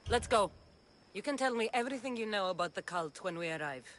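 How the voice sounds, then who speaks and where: A woman's voice: mid-range voice, expressive, fast talker, fairly bright tone, a little hiss or hum, natural voice. A tough warrior woman for hire played by an actress talks in a medium female register. She is blunt, impatient and commanding, keeping things curt. It sounds like video game dialogue with faint ambience behind. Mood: curt, demanding. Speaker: game protagonist.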